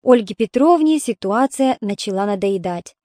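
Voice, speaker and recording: A woman narrating an audiobook in a steady storytelling manner. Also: medium pitch, moderate pace, dry recording, studio quality.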